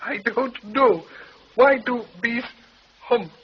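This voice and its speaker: An actor playing a stammering, excitable stage-Irish comic in a green beard, in a radio play. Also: male voice, slow pace, husky, heavily acted. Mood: eager. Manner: high, excitable patter with stammers. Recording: dull old radio recording with hiss.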